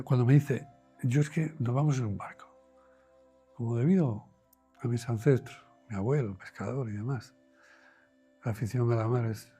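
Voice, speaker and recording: A doctor from Spain tells his own story in an interview, bringing the quoted lines to life as he goes. His voice is mellow and a little husky. Faint music plays underneath. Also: medium pitch. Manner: animated storyteller, acts out dialogue in quoted voices.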